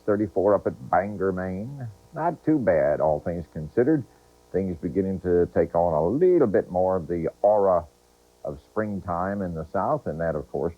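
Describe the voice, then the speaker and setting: A man giving a folksy TV weather forecast with chatty, relaxed asides. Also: deep voice, slightly rough. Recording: tinny, lo-fi broadcast tape.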